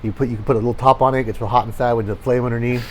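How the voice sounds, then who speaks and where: A man's voice: medium pitch, steady tone, very fast. A man playing a tabletop role-playing game, describing his character's actions in a rambling, laughing way. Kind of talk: casual tabletop role-play chat.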